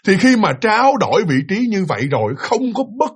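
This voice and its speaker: A man's voice: sits high, wildly swooping pitch, fairly quick, breathy edge. A man telling a ghost story in a rambling, repetitive, chatty way. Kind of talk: casual spoken ghost story.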